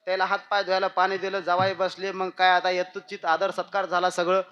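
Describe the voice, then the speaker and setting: A man's voice: high-pitched, monotone, fairly quick, fairly bright tone, clear, resonant tone, muffled recording. A man preaching a humorous devotional kirtan sermon, telling rustic jokes and chanting verses.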